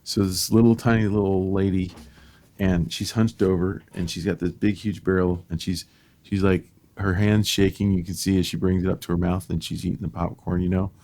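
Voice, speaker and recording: A middle-aged man with a very low voice spins a casual story on a podcast. He restarts his sentences often and breaks into laughter at his own jokes. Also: little pitch movement, moderate pace, a little mellow. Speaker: podcast co-host.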